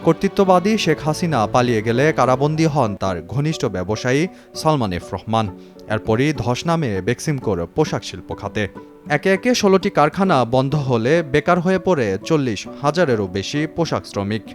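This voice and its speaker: Male news reporter, Bangladeshi accent, mid-pitched voice, scripted narration with music clearly behind. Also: sing-song, normal speed.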